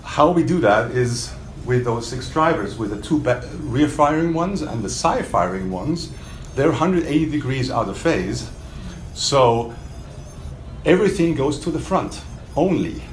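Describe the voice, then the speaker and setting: Speaking with a medium pitch, animated but a little slow, a man demonstrates a loudspeaker maker's product to a small audience in a hotel demo room. He's spontaneous and emphatic, firing rhetorical questions at his listeners, and the roomy trade show recording carries faint background noise.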